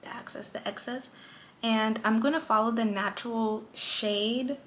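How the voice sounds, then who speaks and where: With a slightly high, fairly bright voice and fairly even intonation, a young female lifestyle vlogger speaks a little slowly over slight background noise. She's at her vanity, playfully chatting through her daily makeup with joking asides for a casual tutorial.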